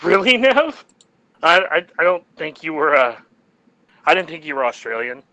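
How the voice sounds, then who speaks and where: Jokey, bright-voiced man. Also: fairly high pitch, normal speed, no room sound, dull audio. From United States. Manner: rambling and jokey, laughs at his own jokes. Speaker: podcast co-host. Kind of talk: casual podcast chat.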